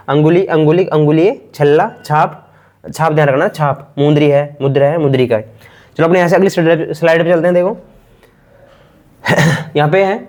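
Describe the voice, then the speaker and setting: Fast-talking male grammar teacher. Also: fairly high pitch, a little mellow. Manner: repetitive, quizzing himself aloud; casual, addresses students as bhai. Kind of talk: exam prep lesson.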